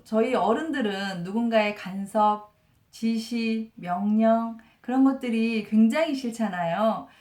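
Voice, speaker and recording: A woman in her forties talks through a parenting book in a calm, explaining manner, as an elementary school teacher would. Her voice sits at a middle pitch, and the room around her gives it a noticeable echo. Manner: calm, explanatory, uses many soft fillers. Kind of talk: explanatory book review talk. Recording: roomy echo.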